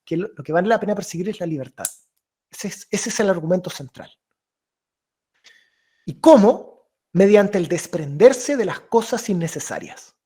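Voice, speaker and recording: A young man leading an informal philosophy talk for a reading club. He thinks aloud with many restarts and hesitations, and acts out inner voices and quoted remarks in lively mock tones. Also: high-pitched, moderate pace, pauses often, slightly rough. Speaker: discussion leader.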